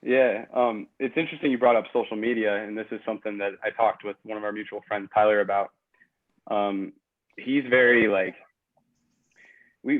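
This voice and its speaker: A man hosting a podcast, asking relaxed, thoughtful questions in casual conversation. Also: on the low side. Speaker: podcast host. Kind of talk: casual interview chat. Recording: tinny phone-like audio.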